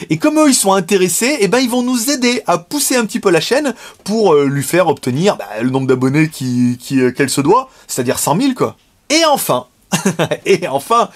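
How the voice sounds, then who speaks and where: Lively high-voiced man vlogging to camera. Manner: animated, chuckles often, frank and slangy. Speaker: vlogger and shop owner. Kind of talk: casual to-camera update. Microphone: camera facing speaker.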